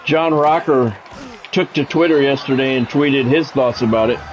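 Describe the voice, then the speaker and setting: A man with a medium-pitched voice live streams a football video game, blending casual, blunt chat with play-by-play. His speech is halting, and he often repeats words and phrases as he goes. The audio is poor.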